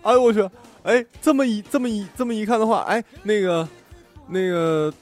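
A man co-hosting a casual chat podcast, talking in an animated, blunt, teasing way and often laughing. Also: sits high, normal speed, soft background music. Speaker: podcast co-host.

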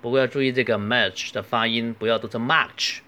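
Bright-voiced man teaching English phrases. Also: medium pitch, fairly even intonation. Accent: Cantonese. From southern China. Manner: slow, careful model phrases between quick explanations. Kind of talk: language lesson.

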